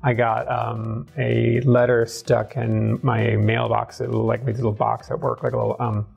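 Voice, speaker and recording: A middle-aged man from the American South, a guest in an interview, talking candidly with a quick, self-deprecating, sardonic wit. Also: mid-range voice, flat delivery, gravelly, slightly rough, muffled recording, faint music behind. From southern United States. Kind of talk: candid conversational storytelling.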